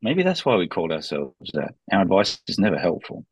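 A man's voice: deep voice, sing-song, a little fast, slightly rough, dry recording, highs cut off. A man co-hosting a casual podcast, tossing in dry joking asides. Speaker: podcast co-host. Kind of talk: casual chat.

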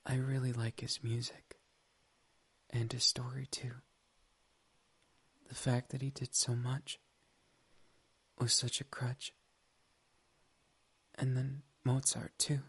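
Breathy, slow, intimate whisper. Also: medium pitch, level tone, a bit bright. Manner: affectionate and teasing. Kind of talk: ASMR roleplay as a doting partner.

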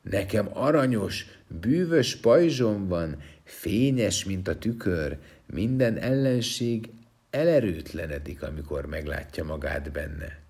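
A man voicing a coaxing male stone man who slowly tempts a prince with magic weapons in a storybook tale. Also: deep voice, expressive, darkish tone, breathy edge, exaggerated voice. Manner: sweet-talking, slow and tempting.

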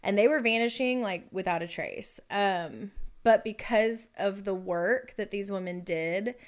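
A woman co-hosts a casual true-crime podcast. She talks in a loose, chatty way, full of fillers and quick laughs. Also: mid-range voice. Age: adult. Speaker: podcast co-host.

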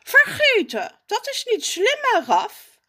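A woman's voice: very high-pitched, wildly swooping pitch, unhurried, pitched above the performer's own voice, heavily acted. A woman voicing Jacques, a pompous, posh male cousin in a storybook who talks down to others and teases. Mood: snooty. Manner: posh, condescending, mocking. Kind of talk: storybook character voice.

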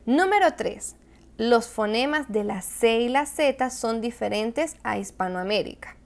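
A Spanish teacher with a Latin American Spanish accent gives a clear, explanatory video lesson, slowing down for example words. Her voice is fairly high.

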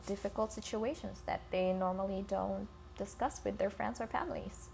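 Creaky-voiced woman podcasting over scratchy phone noise. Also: mid-range voice. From Philippines. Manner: informal, swearing, addresses listeners as guys. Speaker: podcast host. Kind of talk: casual solo podcast intro. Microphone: iPhone.

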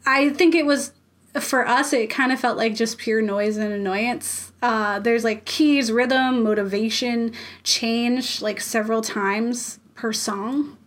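A woman's voice: fairly high pitch, fairly even intonation, slow. A young woman co-hosting a podcast in casual chat. She uses lots of fillers, laughs often and mimics voices. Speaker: podcast co-host.

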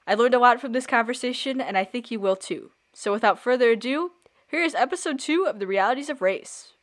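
A woman's voice: fairly high pitch, a little fast. Earnest young woman hosting a podcast. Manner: friendly, earnest questioning. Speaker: podcast host. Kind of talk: interview podcast.

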